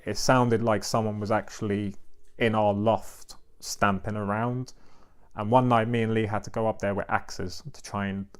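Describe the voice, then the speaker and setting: A man's voice: on the low side, a little mellow, clear, resonant tone. Man, rambling podcast chat, lots of fillers, swears. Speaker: podcast host. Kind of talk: casual chat.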